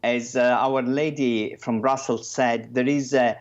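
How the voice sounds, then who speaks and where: Male analyst on a muffled remote link, hesitant, mid-pitched. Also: fairly even intonation, measured pace. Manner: hesitant, with fillers and restarts. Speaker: sinologist. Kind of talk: remote expert commentary.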